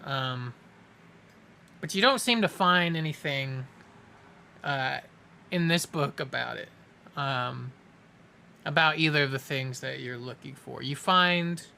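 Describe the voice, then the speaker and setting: A man's voice: mid-range voice, slow, gravelly, pauses often, sharp tone, a little hiss or hum. A man acting as game master, narrating and chatting with players in a tabletop game, with casual asides and self-corrections.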